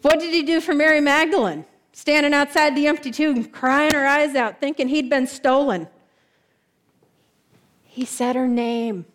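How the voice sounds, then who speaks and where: A woman preaches with a high, bright-pitched voice. She tells the story conversationally, drops asides to the congregation and acts out the lines of the people in it. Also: a little slow. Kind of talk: sermon.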